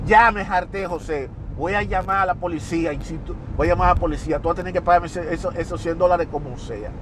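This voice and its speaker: A man's voice: high-pitched, fast talker, noisy background, natural voice. A man voicing Pedro, a fed-up male lender who makes blunt, reproachful demands.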